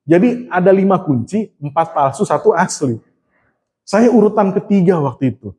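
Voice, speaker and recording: A preacher with a notably high voice tells a long personal story in a relaxed, conversational sermon. He keeps turning to his listeners and teases himself along the way. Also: normal speed. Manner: conversational storytelling, often addressing the congregation; humorous and self-mocking.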